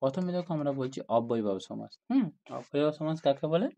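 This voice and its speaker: A man's voice: mid-range voice, lively intonation, quick pace, creaky, mellow. A man teaching a grammar lesson to school students, explaining step by step and often asking questions like "isn't it?".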